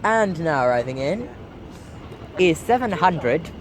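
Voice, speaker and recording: Male trainspotter host, slightly high voice, outdoors with clear platform noise. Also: very animated, slow. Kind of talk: casual running commentary on passing trains. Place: outdoors on a railway station platform. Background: trains and outdoor ambience.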